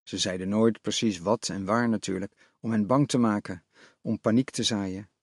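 A man narrating an audiobook in a measured storytelling manner. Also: on the low side, steady tone, husky, no echo, clean studio sound.

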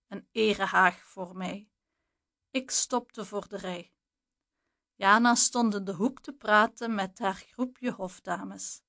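Slow, measured woman narrating. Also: mid-range voice, a bit bright. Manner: measured, deliberate storytelling. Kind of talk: audiobook narration of a youth novel.

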